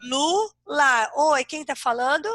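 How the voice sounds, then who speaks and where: A Brazilian woman teaching an online class to young children, with a warm, sing-song way of talking. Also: sits high, lively intonation, normal speed, no room sound, clean studio sound. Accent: Brazilian Portuguese. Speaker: primary school teacher.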